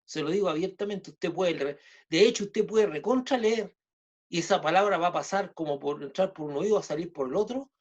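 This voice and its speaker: A man preaching a sermon, speaking in short halting phrases with many restarts and fillers. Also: high-pitched, dull audio. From Chile.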